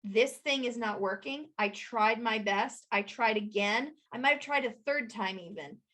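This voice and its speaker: A woman guest in an interview, telling stories in a lively way and acting out the people she quotes. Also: measured pace. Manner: animated storyteller, acts out quotes in a higher voice. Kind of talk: conversational interview.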